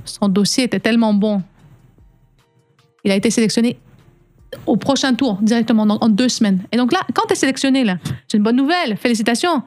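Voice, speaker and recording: A woman with a Canadian French accent, toned toward Congolese French, talks as a guest on a radio show. Her voice sits a little high, and she speaks conversationally, with many fillers and repeated words. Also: fairly quick, pauses often, a little mellow, soft background music. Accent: Canadian French, adapted to Congolese French. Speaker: guest, platform founder. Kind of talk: radio interview.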